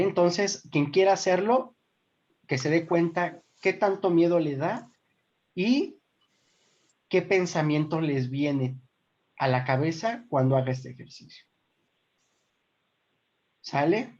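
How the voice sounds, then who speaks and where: A woman's voice: deep voice, dark tone. A woman with a Mexican accent leading a formation class. She explains step by step, keeps checking that her listeners follow, and addresses them as brothers and sisters. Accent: Mexican Spanish. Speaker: formation instructor. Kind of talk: online group class. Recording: dull lo-fi recording.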